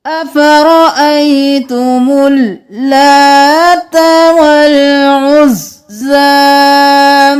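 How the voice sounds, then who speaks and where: A woman teaches Quran recitation. She talks at an unhurried pace, spelling out syllables and chanting the verses slowly with long drawn vowels. Her quicker explanations come in between the chanted parts. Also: a little high, mellow.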